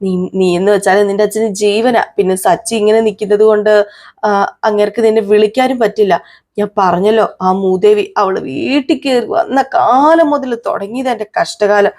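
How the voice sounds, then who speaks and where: ഒരു സ്ത്രീ, മരുമകളോട് കയ്പ്പുള്ള ഒരു മധ്യവയസ്കയായ അമ്മായിയമ്മയായി ശബ്ദം നൽകുന്നു, പരാതിയും പുച്ഛവും നിറഞ്ഞ സംസാരം. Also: female voice, mid-range voice, fairly even intonation, moderate pace, a little mellow, natural voice. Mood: aggrieved. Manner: complaining, scornful asides. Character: scheming middle-aged mother-in-law, bitter toward one daughter-in-law.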